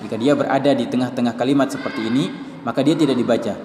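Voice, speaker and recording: Methodical Indonesian teacher in echoing hall. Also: male voice, medium pitch, fairly even intonation, very fast, dark tone, a little hiss or hum. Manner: methodical, explains the script step by step. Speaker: Quran reading teacher. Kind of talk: tajwid lesson explaining written signs. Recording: reverberant hall with faint music.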